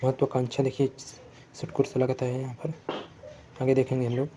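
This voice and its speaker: For an exam-prep session, a man explains Hindi spelling word by word, repeating points and correcting himself often. He speaks briskly and monotonously in a warm, medium-pitched voice over slight background noise.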